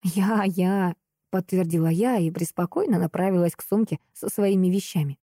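Lady reading a fantasy audiobook, super mellow warm voice, dry close sound. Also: on the low side, fairly quick, dry recording. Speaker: audiobook narrator. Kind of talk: first-person novel narration.

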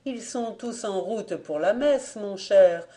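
A woman's voice: medium pitch, takes it slowly. Woman reading a sly old blind man. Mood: instructive. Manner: calm, gently ironic.

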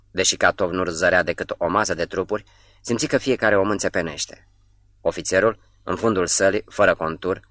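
A man reading a novel aloud in a measured, sombre way, dropping almost to a whisper on the quietest lines. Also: low voice, no echo, studio quality. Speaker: narrator. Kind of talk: literary audiobook reading.

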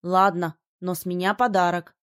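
A woman reading an audiobook, voicing a good-natured, gently teasing young male friend in a lowered, altered tone. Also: moderate pace, lightly acted. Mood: coaxing.

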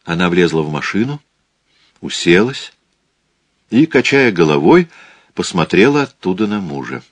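A man reading a novel aloud as an audiobook narrator, measured and steady. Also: low voice, dry recording. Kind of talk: scripted literary narration.

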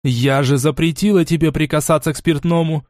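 A man's voice: on the high side, steady tone, a little fast, a little mellow, no echo, voice pushed up, natural voice. An imperious middle-aged queen, read by a male narrator, barks stern orders. She speaks with cold authority. The recording is dry and close. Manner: commanding, thundering. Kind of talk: audiobook character voice.

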